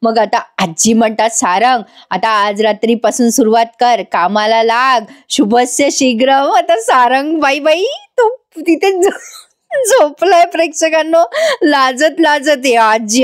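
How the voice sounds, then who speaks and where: A woman retelling a TV serial episode to her audience, acting out each character's lines in quick voices. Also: high voice. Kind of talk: animated storytelling recap of a TV serial.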